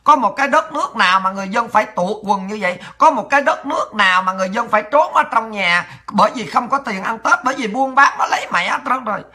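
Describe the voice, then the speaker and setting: A woman's voice: fairly high pitch, lively intonation, fast, hardly any pauses, bright, forceful tone. A woman giving angry, coarse political commentary over protest footage. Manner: indignant, coarse, exclaiming.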